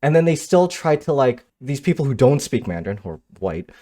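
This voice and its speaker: Frank, animated streamer guy. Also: mid-range voice, a little fast. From Michigan, United States. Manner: candid, frustrated, swears casually, answers chat. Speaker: livestreamer. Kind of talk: casual livestream talk to chat.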